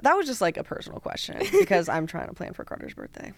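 A woman's voice: lowish voice, very animated, fast, no room sound. A woman in her twenties hosting a podcast, chatting casually and telling stories in which she acts out what other people said, laughing often. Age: 20s. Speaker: podcast host. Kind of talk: casual chat.

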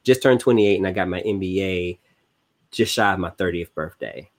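A man, co-hosting a casual podcast, relaxed and full of fillers and repeats. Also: deep voice, normal speed. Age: 30s. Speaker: podcast co-host. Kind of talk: casual chat.

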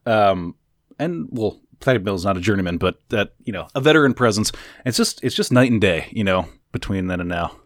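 A man co-hosting a sports podcast, chatting casually with jokey asides and quick laughs. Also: fairly low pitch, animated, dry recording, clean studio sound. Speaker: podcast co-host.

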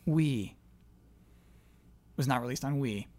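A man's voice: mid-range voice, slow, dark tone. A man chatting casually as the host and quiz reader on a gaming podcast.

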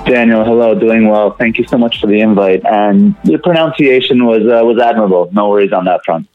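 Low-pitched man from Venezuela, guest on a talk show, halting and thoughtful, heard over a thin line. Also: dry recording, soft background music. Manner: thoughtful, halting, many restarts. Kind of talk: interview conversation. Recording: tinny phone-like line.

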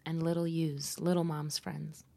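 Young woman from Miami, podcast guest, slightly low voice, expressive and laughing, slips into soft breathy asides. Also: measured pace. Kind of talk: casual interview chat.

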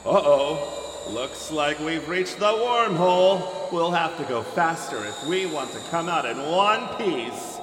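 A man plays a folksy, cheerful male ride captain with showman patter. He talks slowly, with wide swoops of pitch in a slightly high voice. The sound is from an echoey hall with steady noise behind it. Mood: thrilled. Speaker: ride narrator. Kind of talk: scripted ride spiel.

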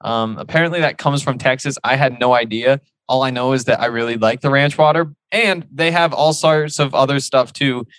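A man's voice: medium pitch, moderate pace, hardly any pauses, a bit bright, dry recording. A man co-hosting a podcast, giving a loose, ad-libbed sponsor read in a casual, chatty way. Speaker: sports podcast co-host.

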